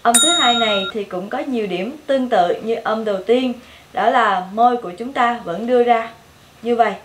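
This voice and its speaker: A young woman with a Vietnamese accent teaching English pronunciation, modeling each sound clearly and repeating every word several times. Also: a little high, normal speed, roomy sound. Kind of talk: pronunciation lesson with repeated drill words.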